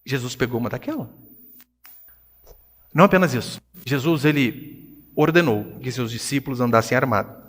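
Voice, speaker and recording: Animated Brazilian pastor in a reverberant hall. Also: male voice, medium pitch, moderate pace, long pauses. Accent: Brazilian Portuguese. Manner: animated preaching, swinging between hushed and loud. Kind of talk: sermon. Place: church hall.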